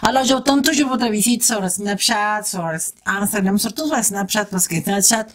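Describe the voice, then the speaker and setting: A beauty vlogger keeps a chatty, casual commentary going during her makeup tutorial, talking directly to viewers as she works and exclaiming with enthusiasm. Her mid-range voice has fairly even intonation and moves at normal speed.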